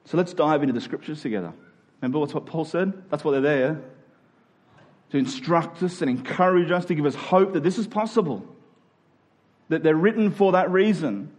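Preaching a sermon, a church pastor with an Australian accent speaks at a moderate pace in an animated, somewhat mellow voice that sits on the high side. His manner stays earnest and conversational, frequently asking the congregation questions.

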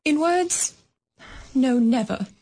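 A woman playing Belle, a young woman gently and earnestly releasing her fiancé in a radio drama. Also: high-pitched, lively intonation, slow, slightly rough, heavily acted. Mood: sorrowful.

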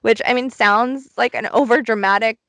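A woman's voice: on the high side, fairly even intonation, normal speed, a bit bright, no room sound. A woman hosting a podcast from inside a small closet, chatting casually, candid and introspective in a rambling, confessional way. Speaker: podcast host. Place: recorded inside a small cluttered closet, dry close sound.

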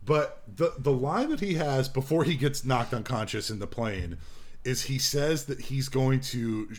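A man in his twenties, co-hosting a casual podcast chat and telling stories with lots of laughter. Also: measured pace. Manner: animated storyteller, laughs often, acts out lines in a high voice. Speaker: podcast co-host. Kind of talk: casual chat about an old movie.

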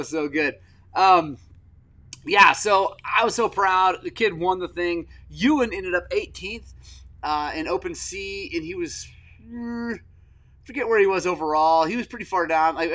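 A middle-aged man hosting a podcast in casual chat, an excitable storyteller who swings from loud enthusiasm to soft, choked-up moments. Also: fairly high pitch. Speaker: podcast host.

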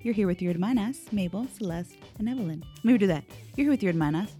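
A woman's voice: mid-range voice, expressive, fast, dark tone, soft background music. A woman in her thirties co-hosting a podcast, telling a story in casual chat and laughing often. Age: 30s. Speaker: podcast co-host.

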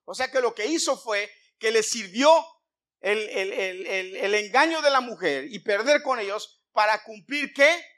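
A man preaching a sermon, retelling a Bible story in a lively way and putting questions to his listeners. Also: high voice, measured pace. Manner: animated, asks the listeners questions.

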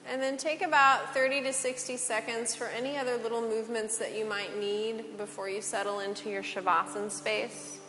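A woman teaching yoga, giving slow, gentle relaxation cues with long pauses. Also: fairly high pitch, fairly even intonation, slight background noise. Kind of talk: guided relaxation instruction. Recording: long reverb with soft music.

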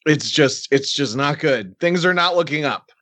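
A man co-hosting a podcast, chatting casually with quick, animated reactions. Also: on the high side, no room sound. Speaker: podcast co-host. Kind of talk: casual chat.

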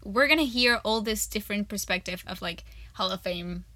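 A woman's voice: mid-range voice, moderate pace, bright, forceful tone, no echo. A young woman co-hosting a student podcast, chatting in a bubbly, gushing way full of fillers. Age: young adult. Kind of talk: casual chat.

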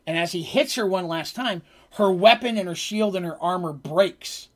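A man's voice: sits high, moderate pace, fairly bright tone. A man telling how a tabletop game session played out, as its game master, in a rambling way with frequent ums and self-corrections.

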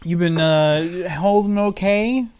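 A man's voice: high voice, slow pace, darkish tone, clear, resonant tone. A man co-hosting a casual podcast, mostly giving short, easygoing replies and questions. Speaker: podcast co-host.

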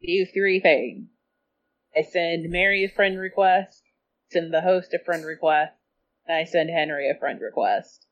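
A woman's voice: fairly low pitch, steady tone, unhurried. Woman player on a dull lo-fi line. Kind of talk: playing a tabletop game. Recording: dull lo-fi sound.

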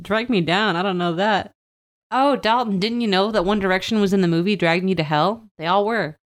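A woman's voice: mid-range voice, a little fast. A young woman co-hosting a comedy podcast, rambling and giggling through casual chat with lots of fillers. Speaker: podcast co-host.

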